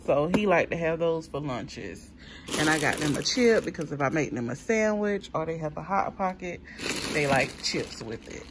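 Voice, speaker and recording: A woman from South Carolina presents her grocery haul in a casual talk to viewers, taking her time, using many ums, and saying y'all. Her low voice has lively intonation, and background noise can be heard.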